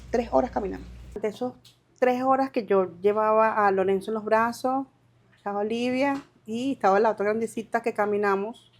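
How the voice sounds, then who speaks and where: A woman from Venezuela, in her thirties, telling her migration story as an interview guest in halting speech with restarts and quoted dialogue. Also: mid-range voice, creaky. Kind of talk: emotional personal testimony.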